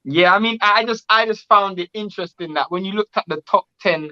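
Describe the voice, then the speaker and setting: A man's voice: high-pitched, brisk, pushed and bright, lo-fi sound. A man hosting a casual boxing interview, asking rambling, enthusiastic questions with restarts. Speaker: boxing channel host.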